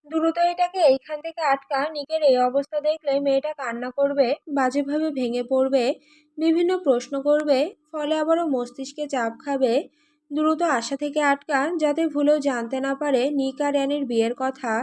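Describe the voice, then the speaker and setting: A woman's voice: high voice, fairly even intonation, normal speed, natural voice. A woman voicing a stern, scolding older brother. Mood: urgent. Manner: sharp, scolding. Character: stern commanding young man, older brother.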